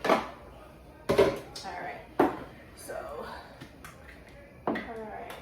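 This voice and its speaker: A woman who talks with braces, giving a casual cooking demonstration and thinking aloud in an informal way. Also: drawn-out words. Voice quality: speaking with braces. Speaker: home cooking vlogger. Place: home kitchen. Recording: roomy, distant mic, faint noise.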